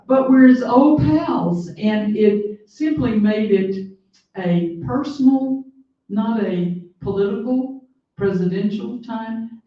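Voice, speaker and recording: An older woman giving a talk as a guest speaker, telling personal stories with many fillers and restarts. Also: a little high. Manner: warm storytelling with frequent fillers and restarts. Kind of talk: library talk, personal reminiscence. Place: library meeting room. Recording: very echoey room, distant mic, dull sound.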